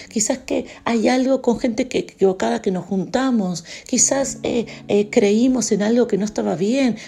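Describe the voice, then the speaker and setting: A woman with a Rioplatense Spanish accent preaching a morning devotional, acting out prayers and questions in an animated way. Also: a little high, creaky. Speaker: pastor.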